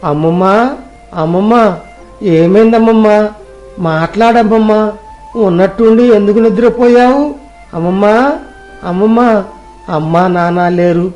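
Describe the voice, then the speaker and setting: A naive, trusting young village lad from a cartoon story talks simply and eagerly, voiced by a man. His voice sits high for a man. Quiet music plays faintly underneath. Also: muffled recording, natural voice.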